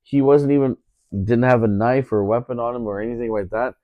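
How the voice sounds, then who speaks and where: A man's voice: medium pitch, brisk, no echo, muffled recording. A man recounts a story in an easygoing talk-show chat, growing indignant and circling back on his points. His voice sits in an ordinary middle register. The sound is close and dry. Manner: indignant, repeats himself, many fillers.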